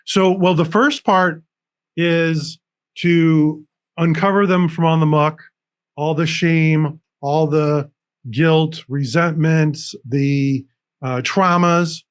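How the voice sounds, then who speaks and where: A man appears over video call as a guest on an interview show, earnestly explaining things step by step with frequent restarts. A recovery coach, he speaks slowly in a fairly high, steady, clean-toned voice, with dragon decorations in the room behind him.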